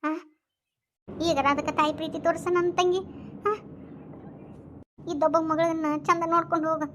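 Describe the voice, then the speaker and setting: Someone doing a soothing north karnataka village auntie, high-pitched cartoon voice. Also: little pitch movement, moderate pace, fairly bright tone, a little hiss or hum. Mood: consoling. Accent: North Karnataka Kannada. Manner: soothing, coaxing. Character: older village aunt, calm consoling elder sister.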